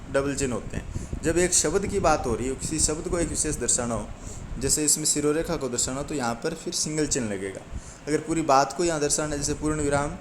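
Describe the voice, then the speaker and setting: A man teaches a Hindi grammar lesson to exam students, going step by step, posing and answering his own questions and reading out lists of number words. His voice is a little high, with background noise present.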